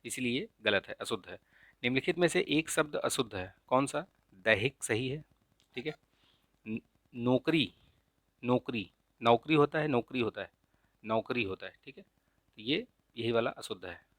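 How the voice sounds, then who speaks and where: A man teaching an exam-prep lesson in a casual, explanatory way, often checking in with "ठीक है?" and slowly repeating correct spellings. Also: mid-range voice, animated, no room sound. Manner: frequent checks of "ठीक है?" and filler "अ"; repeats the right spellings slowly to stress them. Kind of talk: casual explanatory lesson, walking through a paper.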